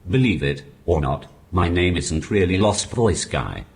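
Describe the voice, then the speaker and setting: A man doing a stand-up routine through a text-to-speech communication aid, with flat, deadpan delivery on a live stage. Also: deep voice, measured pace. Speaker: stand-up comedian. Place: comedy stage before a live audience. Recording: noisy live venue recording.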